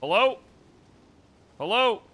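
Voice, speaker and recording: A man's voice: high-pitched, very animated, slow pace, pushed and bright. A man in casual game voice chat whose voice comes through with a glitchy, half-robotic distortion, calling out to check he can be heard. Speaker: game roleplayer.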